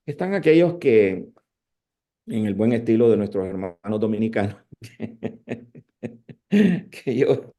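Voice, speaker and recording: A man teaching a university class on preaching, talking in an animated, conversational way with frequent restarts and mock impressions. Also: on the low side, takes it slowly, pauses often. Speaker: preaching professor.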